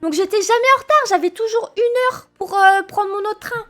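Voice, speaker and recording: A young woman streamer telling a long mishap story to her chat, excitable, swearing and laughing as she goes. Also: very high voice, moderate pace.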